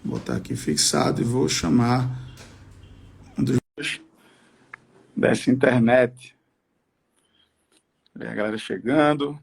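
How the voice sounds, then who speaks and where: A man's voice: medium pitch, slow, gravelly, long pauses. A Brazilian man hosting a casual live stream in a slangy, rallying gym-bro style. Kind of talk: casual hype live chat.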